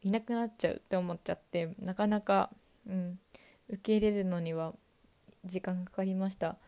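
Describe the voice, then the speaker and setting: A young woman from the Kanto region hosts a solo talk, speaking calmly and casually as if to friends listening. Her voice is mellow and warm, sitting in an ordinary middle pitch. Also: normal speed, vocal fry. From Kanto, Japan. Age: young adult. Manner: calm, casual, talking straight to listeners. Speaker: university student podcaster. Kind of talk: solo chatty monologue.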